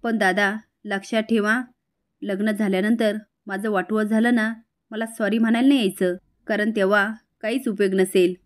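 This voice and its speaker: A woman's voice: mid-range voice, fairly even intonation, normal speed, natural voice. A woman voicing a bitter, angry young man who lashes out at his family with sarcastic retorts, in a retold TV serial.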